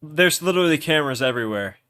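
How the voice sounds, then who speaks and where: A young man hosting a livestream, loudly and teasingly narrating an improvised role-play game and often restarting his words. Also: on the high side, animated, fast talker, dry recording, clean studio sound.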